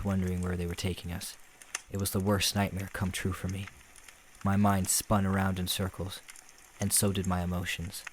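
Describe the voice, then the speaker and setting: A man narrating a scripted first-person horror story in a steady, somber way. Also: sits low, slight background noise.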